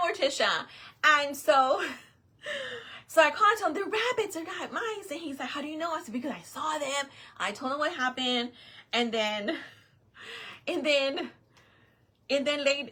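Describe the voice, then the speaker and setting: A middle-aged woman tells a long, rambling story in a loose vlog style, circling back and piling up fillers as she goes. Her voice sits a little high, with a bright, forward tone. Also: slight background noise. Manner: chatty, rambling, lots of fillers and restarts. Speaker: vlogger. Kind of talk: casual storytelling.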